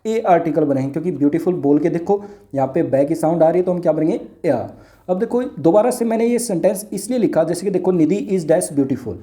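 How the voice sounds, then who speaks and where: A male grammar teacher with a fairly high voice and a piercing, bright edge to his tone. He works through each rule step by step, asks his students questions and then answers them himself. He drags out each example sentence slowly as he reads it. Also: lively intonation. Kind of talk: classroom lesson.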